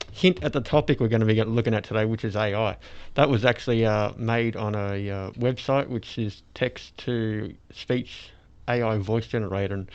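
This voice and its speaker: Toothless Australian man, dull lo-fi recording. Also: mid-range voice. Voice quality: toothless, soft-edged speech. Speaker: podcast host. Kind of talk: casual podcast chat. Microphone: speaking through a face mask. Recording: dull lo-fi sound.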